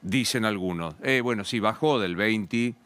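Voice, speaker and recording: An Argentine man hosting an interview, prompting his guest in a relaxed, conversational way. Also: fairly low pitch, unhurried, no room sound. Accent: Argentine Spanish. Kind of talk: casual interview talk.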